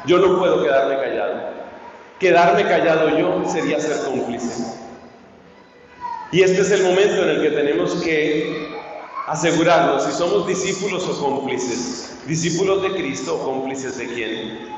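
A man preaching a sermon as a priest, swinging from hushed pleading to fervent shouting. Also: a little high, a little slow, slight background noise. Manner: impassioned, swings from soft to shouting. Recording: echoey hall, distant mic, dull sound.

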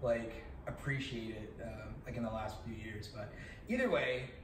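A man's voice: fairly low pitch, normal speed. A man in his thirties talking reflectively in a casual chat among friends, with many fillers and restarts. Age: 30s. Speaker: guest in a friends' discussion. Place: living room. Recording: echoey room, distant mic, background hum.

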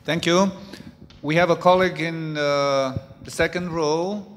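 Brisk, polite male panel chair. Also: fairly high pitch, steady tone. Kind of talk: moderating a panel. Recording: long reverb of a large hall.

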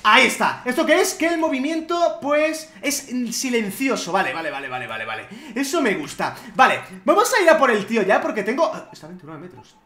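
A man from Spain giving excitable let's play commentary, shouting and swearing at the game. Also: very high voice, fairly quick, few pauses, roomy sound. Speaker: gamer.

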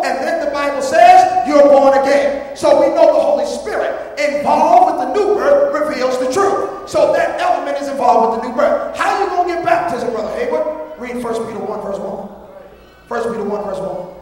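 A man preaching a sermon, prompting a scripture reader and rising into shouted, sing-song emphasis. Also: very high-pitched, normal speed. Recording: echoey hall from far off.

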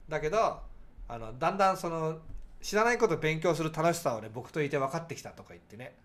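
A nasal-voiced man in his forties hosts a relaxed livestream and answers viewer comments as they come in. His voice sits a little high and moves through a lively, animated range. He pushes the sound forward so it carries, and he rambles easily with plenty of fillers. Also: fast talker. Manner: projects his voice to carry, chatty with frequent fillers. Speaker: livestream host. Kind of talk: casual chat reading viewer comments.

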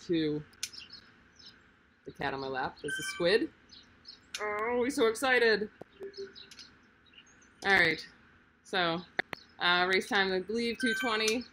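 A woman with a hoarse voice hosting a livestream, chatting casually about race plans with rambling side remarks. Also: low-pitched, noisy background. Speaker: livestream host of a cycling race team.

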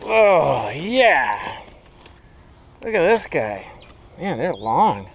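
A man in his forties, fishing from an outdoor riverbank, chatting excitedly to the camera and to the fish he catches. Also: a little high, extremely slow, a little hiss or hum. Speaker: fishing vlogger. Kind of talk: casual narration while fishing. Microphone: chest-mounted action camera.

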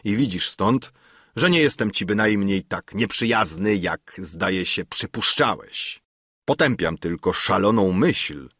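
A man doing a calm, ominous old goldsmith. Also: low-pitched, husky, dry recording, clean studio sound, exaggerated voice. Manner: calm, measured, quietly threatening.

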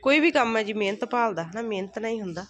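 A woman's voice: on the high side, expressive, fast. A middle-aged woman with a rural Malwai Punjabi accent, chatting casually and homely to viewers in a daily village vlog. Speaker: family vlogger. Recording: faint background noise, home vlog recording.

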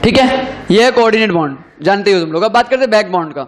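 A young man teaching chemistry in a classroom lecture. He dictates slowly, repeats phrases for students to write down, and drops his pitch at the end of key terms. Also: expressive.

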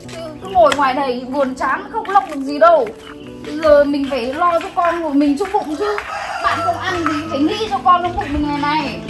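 A woman's voice: high voice, a little fast, natural voice. A woman playing a young friend who persistently coaxes a grieving pregnant woman to eat, in an amateur family skit. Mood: coaxing. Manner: coaxing, persistent. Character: coaxing young female friend. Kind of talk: amateur drama acting. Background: loud background music.

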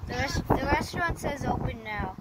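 A woman's voice: high voice, expressive, moderate pace. A woman filming on her phone as she walks through abandoned buildings, narrating casually and often exclaiming in disbelief. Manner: astonished exclamations, repeats herself. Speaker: vlogger exploring abandoned buildings. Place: outdoors by a roadside and inside an empty shop. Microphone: phone camera held while walking. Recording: phone audio with clear outdoor noise.

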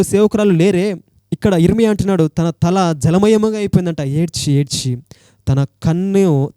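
A man's voice: high-pitched, dark tone, no room sound, studio quality. A male preacher with a Telugu accent, delivering an earnest sermon and pleading with his listeners through repeated rhetorical questions.

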